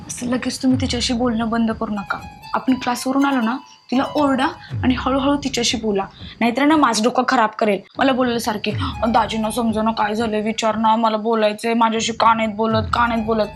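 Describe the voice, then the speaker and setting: An actress playing a brisk, coaxing young sister-in-law. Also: female voice, on the high side, little pitch movement, soft background music, natural voice. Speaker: actor. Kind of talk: web series drama acting.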